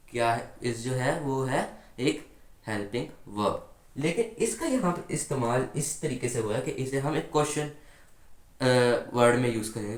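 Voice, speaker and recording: A man's voice: mid-range voice, echoey room. A man teaching a grammar lesson patiently, often asking his students questions and answering them himself. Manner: patient, asks the class rhetorical questions. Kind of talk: explanatory classroom lesson.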